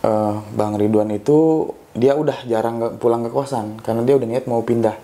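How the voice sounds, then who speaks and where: A young man with telling a ghost story in a casual, loose way, often pausing with hesitations. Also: medium pitch, fairly even intonation, mellow. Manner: loose and rambling, with frequent hesitations. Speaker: guest storyteller.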